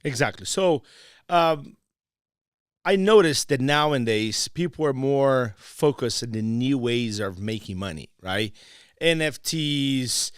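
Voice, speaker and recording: A man's voice: medium pitch, animated, slow pace, clean tone, dry recording, clean studio sound. A man from Brazil, a Portuguese speaker with a Brazilian accent, talking as a podcast guest in a playful, persuasive way. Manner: playful and teasing, then earnest and persuasive. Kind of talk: casual podcast interview.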